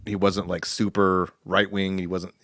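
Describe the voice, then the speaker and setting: A man's voice: deep voice, little pitch movement, a little slow, fairly bright tone, dry recording. A man co-hosting a podcast, rambling in casual chat and laughing often. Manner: rambling, laughs often, quotes people in put-on voices. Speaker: podcast co-host.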